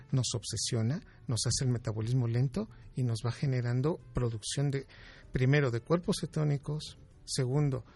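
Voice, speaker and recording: A man's voice: mid-range voice, creaky, darkish tone, slightly rough. A man, a doctor guest in an interview, giving emphatic advice and explaining with examples.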